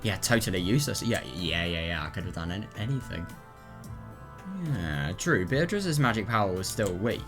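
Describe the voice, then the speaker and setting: A man's voice: sits low, expressive, normal speed. A man reading a game's text aloud and reacting casually in a musing way, often repeating short affirmations. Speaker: let's player. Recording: music behind the voice. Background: game music.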